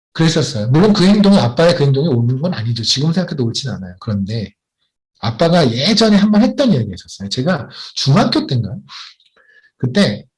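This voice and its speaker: Man preaching, kinda high voice, swings up and down a lot, tells stories and throws out questions. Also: darkish tone. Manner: personal storytelling, rising emphatic questions. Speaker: missionary preacher. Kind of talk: sermon.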